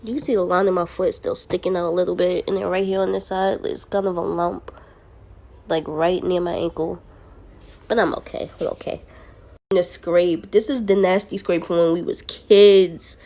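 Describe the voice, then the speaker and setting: A woman's voice: lowish voice, steady tone, moderate pace, vocal fry, dark tone. A young woman vlogger telling a personal story to camera in a casual, blunt way, swearing freely and acting out the people in it.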